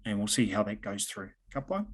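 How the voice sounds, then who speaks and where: A man's voice: on the low side, animated, a little fast, slightly rough. A man with a New Zealand accent hosting an informal presentation on a video call in a chatty manner. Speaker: host and presenter. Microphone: video call microphone.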